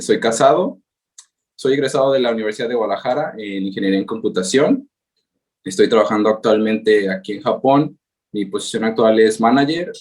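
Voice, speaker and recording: A Mexican man in his thirties, with a Mexican accent and a slightly mellow, low-leaning voice, gives a webinar presentation over a video call as a guest presenter. He's hesitant and uses lots of fillers, speaking from home while working remotely in Japan.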